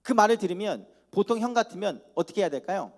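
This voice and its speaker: A man preaching a youth sermon at a church service, animated, and he acts out the characters with comic asides. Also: high voice, fast talker. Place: church hall.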